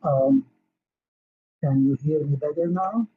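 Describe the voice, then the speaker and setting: Halting older man on a crackly phone-like line. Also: fairly high pitch, breathy edge. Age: 60s. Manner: halting, with many fillers and restarts. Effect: crackly, fading phone-like remote line. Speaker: public commenter at a hearing. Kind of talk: public testimony. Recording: tinny, faint remote line that fades out.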